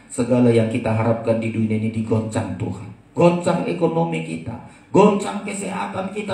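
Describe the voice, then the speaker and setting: High-voiced pastor preaching in an echoey church. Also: male voice. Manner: animated storytelling, repeats "saudara-saudara". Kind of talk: sermon. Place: church hall. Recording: roomy church hall, distant mic.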